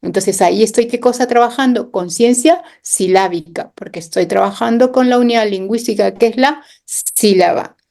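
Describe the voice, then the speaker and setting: A woman's voice: on the high side, moderate pace, creaky, few pauses, dark tone. A woman guest on a radio interview, patiently explaining with classroom examples, sounding out words and tagging her points with little questions. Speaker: interview guest, education specialist.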